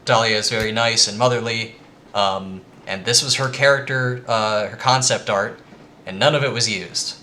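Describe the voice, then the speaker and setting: A man gives a casual presentation to friends, rambling and quietly earnest, with frequent ums. His voice is lowish and his pace moderate, with a little hiss or hum in the recording.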